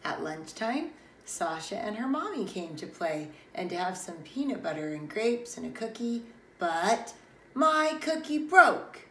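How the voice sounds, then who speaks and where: A middle-aged woman and preschool teacher reading a children's picture book aloud in an expressive storytelling manner. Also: on the low side, a little slow. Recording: roomy, distant mic, faint ambience.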